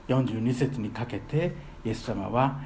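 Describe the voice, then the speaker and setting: A man preaching a sermon as pastor, earnest, with his voice swelling loudly on key phrases. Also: medium pitch, measured pace, slight background noise.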